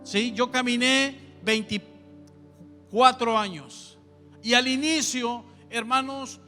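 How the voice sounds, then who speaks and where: A Honduran man preaches with a high, bright voice, hammering his points by saying them twice. His sermon rings through a reverberant church hall with faint music underneath. He talks as a pastor to his congregation. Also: slow. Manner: emphatic, repeats key phrases.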